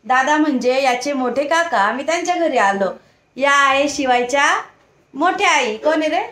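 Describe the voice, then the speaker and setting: A woman's voice: sits high, expressive, normal speed, fairly bright tone. A young woman filming a family vlog at a relative's home, chatting, teasing and coaxing her small son to talk. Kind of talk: casual family vlog chat.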